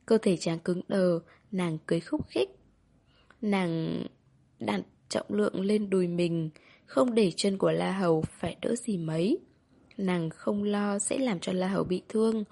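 A woman narrating a romance novel as an audiobook in a calm, measured storytelling voice. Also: mid-range voice.

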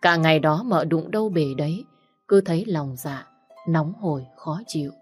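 A woman narrating a romance story in a steady storytelling manner. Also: deep voice, normal speed, breathy edge, faint music behind.

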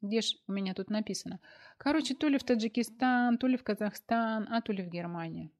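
A woman's voice: medium pitch, brisk, dull audio, close to an everyday voice. Woman reading as a teasing, affectionate boyfriend. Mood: tender. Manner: teasing, warm, playful. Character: affectionate grown man, teasing lover.

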